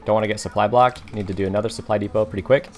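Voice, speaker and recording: A man giving relaxed gameplay commentary, talking to himself and explaining each move as he plays. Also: fairly low pitch, racing. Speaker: gaming commentator.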